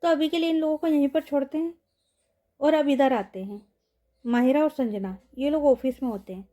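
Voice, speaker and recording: A woman's voice: high voice, moderate pace, dark tone. A woman storyteller narrating a romance audio story in a casual, repetitive linking style.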